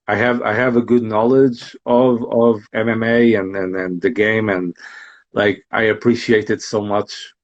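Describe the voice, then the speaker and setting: Low-voiced man in his thirties, halting. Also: lo-fi sound. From Portugal. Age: 30s. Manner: halting, many restarts and ums. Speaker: podcast host and guest. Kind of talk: casual interview chat.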